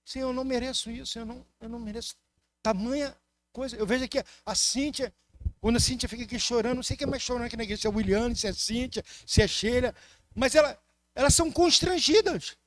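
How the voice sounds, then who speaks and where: A man with a Brazilian Portuguese accent preaching a sermon as pastor, impassioned, moving between loud emphasis and soft asides. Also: very high-pitched, fast.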